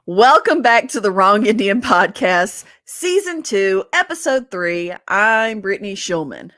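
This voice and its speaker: A woman's voice: medium pitch, very animated, unhurried, a bit bright. A woman co-hosting a podcast in casual chat, bubbly and laughing a lot. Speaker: podcast co-host.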